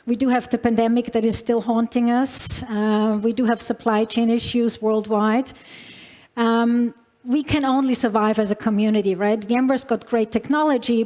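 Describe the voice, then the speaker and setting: A woman from the Alpine region, speaking English with a non-native accent, gives a keynote in a large conference hall with long reverb. Her fairly high, slightly mellow voice is full of fillers and restarts as she addresses the audience.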